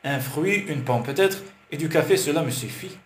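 A woman's voice: low voice, expressive, normal speed. A man voicing a proud young mother who answers tersely and with irony. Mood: guarded. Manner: terse, ironic. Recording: roomy with faint hiss.

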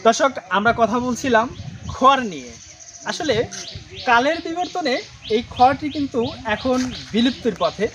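A man hosting a casual explainer video for viewers, talking haltingly with many drawn-out fillers. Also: very high-pitched, lively intonation, a crowd in the background. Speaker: video host addressing viewers.

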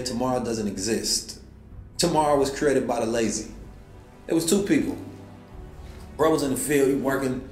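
A man's voice: mid-range voice, a little mellow. Preaching man in a roomy space. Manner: preaching, with rhetorical questions. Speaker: host. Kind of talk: motivational talk. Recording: roomy echo with faint music.

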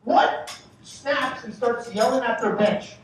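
A man in his forties speaking as master of ceremonies at an awards banquet, telling a lively, joking story and acting out the shouting. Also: high-pitched, normal speed, a little hiss or hum. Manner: animated, joking anecdotes with acted-out shouting. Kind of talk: after-dinner storytelling speech. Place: large banquet hall. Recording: echoey hall from far off, faint dish clatter.

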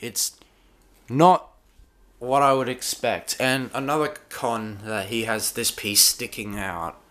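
A man giving a casual hands-on toy review in a dim room, talking in a rambling, halting way with many restarts. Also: medium pitch, fairly even intonation, a bit bright.

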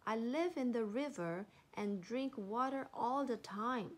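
Confident storybook hippo, slow and easy, woman reading. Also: fairly high pitch, animated.

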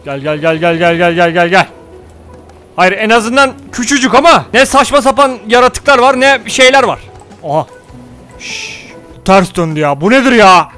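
A man giving casual let's-play commentary, excitable, talking to his viewers and cursing at the game. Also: sits high, moderate pace, faint music behind. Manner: excitable, talks to viewers, mutters and curses at the game. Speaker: gaming YouTuber.

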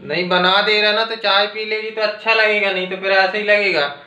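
Bright-voiced man vlogging in echoey kitchen. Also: sits high, level tone, brisk. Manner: chatty, addresses viewers as friends. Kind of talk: casual home vlog. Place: home kitchen.

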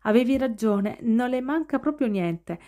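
A woman's voice: a little high, expressive, unhurried, warm tone, pitched above the performer's own voice. A woman voicing a cocky young man who talks in a teasing, brash way, in a storybook reading. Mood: leering.

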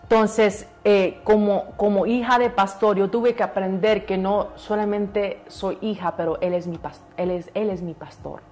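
Woman, pastor's daughter guest; earnest preachy testimony, repeats for emphasis, soft music faintly underneath. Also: mid-range voice, fairly even intonation, unhurried, few pauses. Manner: mixes in English words. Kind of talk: emotional testimony in a church interview.

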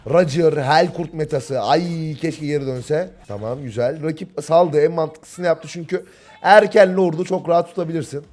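Excitable young man commentating a game. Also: a little high, normal speed. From Turkey. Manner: excitable, yells at players when the fight heats up. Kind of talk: live gameplay commentary.

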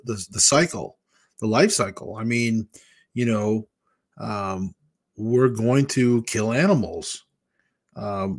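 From a small room in his home, a Michigan weight-loss vlogger in his fifties hosts a casual live chat, speaking into a large desk microphone in front of a webcam. His pitch is medium, and he talks frankly, rambling from one story to the next.

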